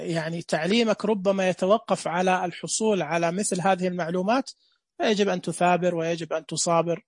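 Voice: medium pitch, no room sound, clean studio sound. Playful teacher. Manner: playful, jokes with viewers, repeats counts. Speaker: Braille teacher. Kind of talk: casual live online lesson.

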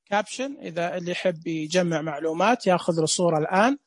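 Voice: medium pitch, fast talker, dry recording, studio quality. A Braille teacher gives a casual live online lesson, joking with viewers and repeating dot counts.

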